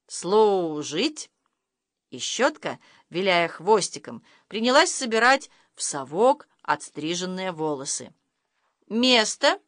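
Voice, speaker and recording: A woman narrating a children's audiobook in an expressive, animated way. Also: on the low side, no echo, clean studio sound. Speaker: audiobook reader. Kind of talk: scripted storybook narration.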